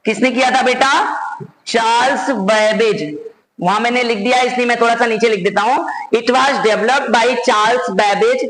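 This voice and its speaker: A high-voiced man with an Indian accent teaches a computer class, spelling things out slowly for students to copy. Between the dictation he drops into quicker, fatherly asides. The room is echoey, with a faint hiss of noise behind him. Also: fairly bright tone. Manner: slow word-by-word dictation mixed with quick Hindi asides, addresses students as beta. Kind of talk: classroom lecture, dictating notes. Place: classroom at a board.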